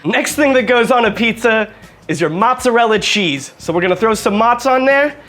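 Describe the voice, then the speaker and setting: A man's voice: extremely high pitch, lively intonation, moderate pace, fairly bright tone. A man hosting a home cooking video, joking and chatting directly to viewers as he demonstrates. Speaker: cooking show host.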